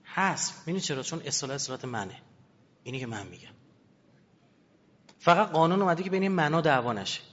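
A man's voice: fairly high pitch, expressive, long pauses, fairly bright tone. A man giving a lecture to an audience, emphatic and full of rhetorical questions. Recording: reverberant hall, dull lo-fi sound.

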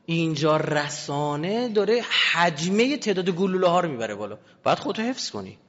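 A fairly high-voiced man lectures an audience with emphasis, firing off rhetorical questions. His voice rings with a long hall reverb, and the recording sounds dull and lo-fi. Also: big pitch swings, fairly bright tone.

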